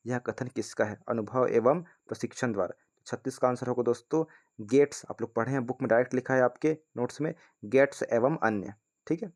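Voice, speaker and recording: Man, teacher, casual exam-prep lesson, reads questions aloud, keeps checking in viewers. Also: medium pitch. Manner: repeats checks like "ठीक है ना", addresses viewers as friends. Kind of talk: casual spoken lesson, reading quiz questions.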